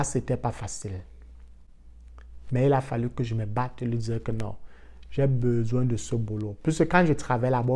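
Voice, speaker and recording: A man from Africa telling a casual personal story for his vlog in a lively way, dropping in English words. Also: medium pitch. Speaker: vlogger.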